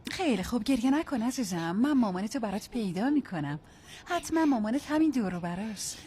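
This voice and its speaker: A woman dubbing a kind woman who gently comforts a lost little boy. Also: fairly high pitch, animated, slight background noise, lightly acted. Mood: gentle. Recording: music behind.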